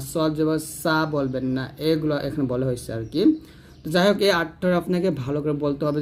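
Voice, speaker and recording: A man with a fairly high voice teaches Quran recitation rules in a recorded video lesson. He explains patiently and spells out letter sounds one at a time, slowing right down when he drills them for his students. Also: slight background noise. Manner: patient, repeats letters slowly and drills pronunciation. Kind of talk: online tajweed lesson.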